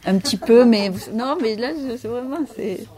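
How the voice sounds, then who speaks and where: A woman's voice: fairly high pitch, normal speed, crowd noise. A woman in her fifties speaking as an author in an interview, reflective and searching for her words. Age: 50s. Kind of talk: interview conversation.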